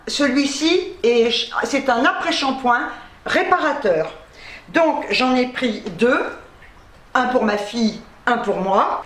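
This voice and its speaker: Chatty grandmother vlogger, high voice. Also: a bit bright, reverberant, slight background noise. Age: older. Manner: chatty, laughs often, blunt and swears lightly. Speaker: shopping-haul vlogger. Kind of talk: casual chat to camera. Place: home office.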